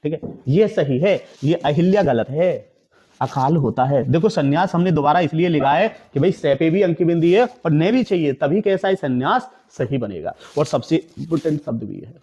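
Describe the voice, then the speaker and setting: A man's voice: fairly high pitch, expressive, moderate pace, mellow, husky. A male teacher coaching exam candidates on correct spelling. He keeps asking the class rhetorical questions, answers them himself, and repeats each word several times with heavy stress. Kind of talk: exam-prep spelling lesson.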